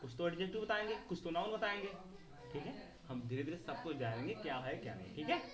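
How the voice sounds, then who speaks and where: A man's voice: on the high side, lively intonation, fast, music in the background. A man teaching a grammar lesson to a class. He speaks, repeats key words and keeps asking whether the students understand.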